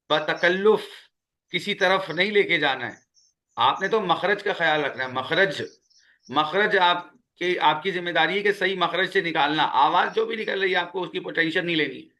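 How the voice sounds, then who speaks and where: A man teaching a Quran recitation lesson, patiently repeating key sounds and words slowly for his students. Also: high voice, pushed and bright. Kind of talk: spoken tajweed lesson.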